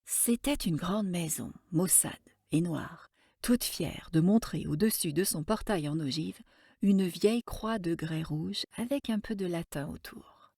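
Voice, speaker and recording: A woman storyteller reading a classic tale aloud with gentle, expressive narration. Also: fairly low pitch, unhurried, breathy edge, no echo, clean studio sound.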